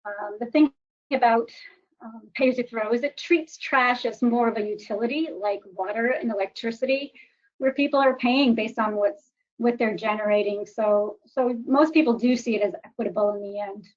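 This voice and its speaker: A woman's voice: fairly high pitch, normal speed. A woman giving a webinar presentation with data slides, often hesitating with ums and restarts, her voice warbly over a computer connection. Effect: warbly voice through a computer connection. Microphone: computer microphone. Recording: dull, lo-fi computer audio.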